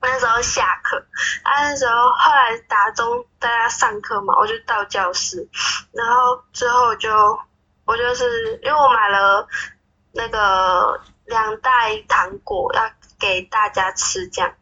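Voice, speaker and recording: A young woman, a guest on a casual chat, who tells a story with lively quoted voices. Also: a little high, measured pace, a little hiss or hum. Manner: animated, acts out quarrels in quoted voices. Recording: dull phone-quality sound.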